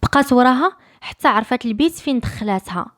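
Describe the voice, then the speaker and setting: Fast-talking Moroccan woman storyteller. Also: on the high side, lively intonation, a bit bright. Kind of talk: dramatic story narration.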